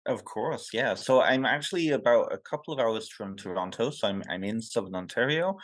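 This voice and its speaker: A man's voice: medium pitch, expressive, brisk, fairly bright tone, dry recording. A man from North Wales, a therapist, talking thoughtfully in an interview with many ums and restarts over a remote call. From North Wales, United Kingdom. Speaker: therapist and guest. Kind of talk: conversational interview.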